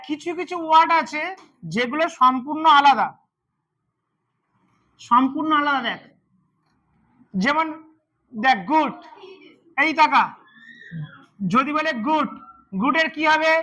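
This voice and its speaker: A man's voice: very high voice, sharp tone. A man teaching English grammar to a class, repeating words and quizzing his students as he goes. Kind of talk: classroom lesson.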